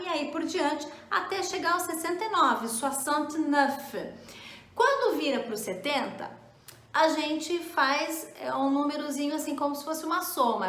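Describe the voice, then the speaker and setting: High-voiced woman teaching slowly. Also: a bit bright, roomy sound. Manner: encouraging, drills numbers slowly and repeats. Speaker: French teacher. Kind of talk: online language lesson.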